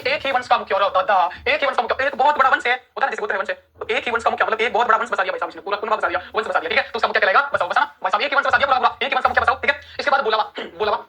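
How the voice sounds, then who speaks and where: A woman teacher races through an exam-prep lecture in a bright, husky voice. She keeps quizzing her students, repeats each term several times and asks "right?" again and again. Her pitch sits a little high. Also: rapid-fire. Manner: repetitive, quizzing, addresses students as friends.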